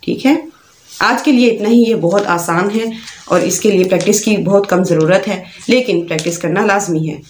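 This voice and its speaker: A woman's voice: medium pitch, moderate pace, slight background noise. A woman teaching Quran recitation, patiently explaining and demonstrating syllables one at a time. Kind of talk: slow instructional lesson. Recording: echoey room.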